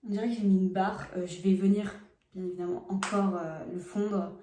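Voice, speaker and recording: A beauty vlogger at home uses her phone camera to film a casual makeup test, chatting frankly with viewers while she applies products. The young woman's mid-range voice is steady and moderately paced, recorded in an echoey room with a noisy background.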